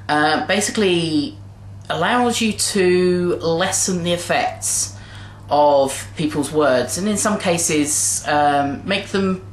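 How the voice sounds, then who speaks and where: A young woman talking casually to a webcam in a small bedroom, gentle and hesitant with many fillers. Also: deep voice. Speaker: vlogger. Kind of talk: casual video response. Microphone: webcam at desk distance. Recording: roomy bedroom echo, faint hiss.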